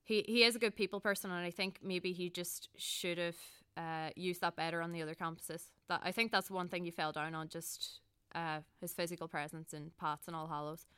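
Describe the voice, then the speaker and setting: A woman's voice: fairly low pitch, little pitch movement, brisk, few pauses, sharp tone, smooth, dry recording, studio quality. A young woman with a Donegal Irish accent giving earnest, conversational interview answers as a student election candidate, often correcting herself as she goes. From County Donegal, Ireland. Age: young adult.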